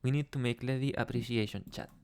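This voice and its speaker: A man's voice: medium pitch, fairly even intonation, fast, a little mellow, clean tone. A man hosting a casual livestream, reading chat messages aloud and answering them in a chatty, rambling way with frequent laughs. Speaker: ASMR livestream host.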